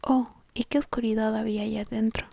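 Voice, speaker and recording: A woman reads a story aloud as whispered ASMR, in a soft, breathy whisper very close to the ear, slow and gentle. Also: fairly high pitch, flat delivery. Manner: slow, gentle, hushed reading. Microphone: very close to the mic, whispering into the ear.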